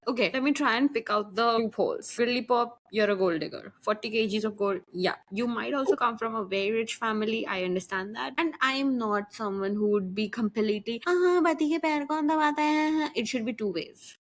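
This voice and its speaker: A woman's voice: a little high, a little fast, hardly any pauses. A young woman co-hosting a podcast, chatting casually and reacting with laughter and exclamations. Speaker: podcast co-host. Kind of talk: casual chat.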